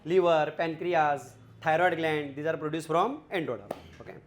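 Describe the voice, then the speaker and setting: A man with an Indian accent teaching biology to a class, coaxing students to answer and repeating his words in quick Hindi-English. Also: fairly high pitch. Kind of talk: classroom lecture quizzing students.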